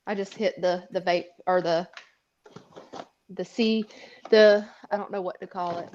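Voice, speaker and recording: A woman's voice: lowish voice, fairly even intonation, unhurried, darkish tone, a little hiss or hum. Rambling woman on a lo-fi stream. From Florida. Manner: rambling, a bit foggy, coughing. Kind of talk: casual live-stream chat. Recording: dull lo-fi audio.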